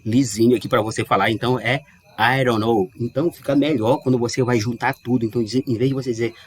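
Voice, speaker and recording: A man teaching English in a casual, chatty way, slowing down to model pronunciation. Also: medium pitch, husky. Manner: lively, chatty, stretches English words slowly to model pronunciation. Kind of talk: casual explanatory lesson. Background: dog barking outside.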